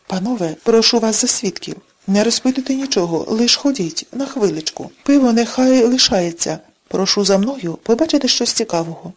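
A man's voice: very high voice, lively intonation, moderate pace, exaggerated voice. Woman reading as an enraged jealous husband. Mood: commanding. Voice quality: shouting, accusing. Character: jealous hot-tempered middle-aged husband.

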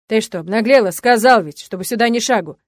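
A woman voicing a cruel, contemptuous middle-aged father who shouts and sneers insults. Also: fairly high pitch, quick pace, no echo, clean studio sound, natural voice. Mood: raging.

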